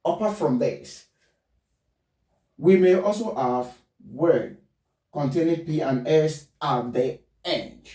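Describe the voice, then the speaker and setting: Slow-spoken male pronunciation teacher. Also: fairly high pitch, mellow. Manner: spells words letter by letter, repeats them slowly. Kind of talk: pronunciation lesson. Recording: roomy, distant mic.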